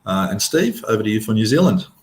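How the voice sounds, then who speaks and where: A man's voice: on the low side, big pitch swings, fast talker, a little mellow. Middle-aged Australian man presenting a webinar. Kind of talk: informal presentation. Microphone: video call.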